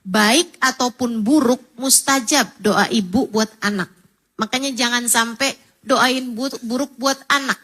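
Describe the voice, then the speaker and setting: A woman's voice: a little high, slightly rough, poor audio. A woman preacher giving a sermon to a women's gathering, telling stories and acting out tearful prayers and quoted people. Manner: pleads loudly and slowly in emotional peaks. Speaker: female Islamic preacher.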